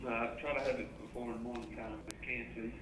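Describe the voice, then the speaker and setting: A man, an inmate speaking to his mother on a prison phone line, halting and mumbling. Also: mid-range voice. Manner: mumbled, halting, flat delivery. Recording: distant, echoey, noisy phone recording.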